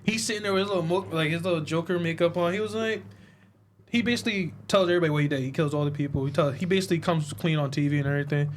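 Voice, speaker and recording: A man on a casual podcast, retelling a movie's plot with animated storytelling and acting out the characters' lines. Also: fairly high pitch, racing, a little hiss or hum. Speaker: podcast co-host reviewing a film. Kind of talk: casual chat.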